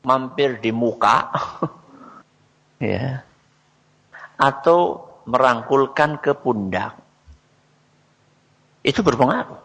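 A man's voice: mid-range voice, expressive, extremely slow, vocal fry, pauses often, fairly bright tone, big-room sound. A man giving a religious talk on parenting to an audience, asking questions and answering them himself. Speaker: religious speaker.

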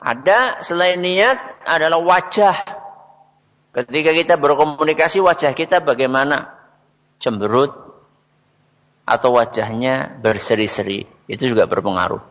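A man's voice: fairly high pitch, moderate pace, long pauses, fairly bright tone, big-room sound. A man giving a religious talk on parenting to an audience, asking questions and answering them himself. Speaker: religious speaker.

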